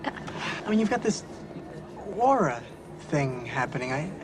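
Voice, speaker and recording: A man's voice: a little high, sing-song, a little slow, noisy background. An actor playing a flirtatious, fumbling man in a horror film, with naturalistic delivery. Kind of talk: film acting.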